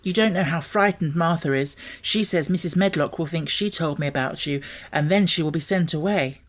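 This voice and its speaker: Storybook role: curious, direct little English miss, slightly high voice; played by a man. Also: moderate pace, natural voice. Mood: frank. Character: forthright, inquisitive young English girl.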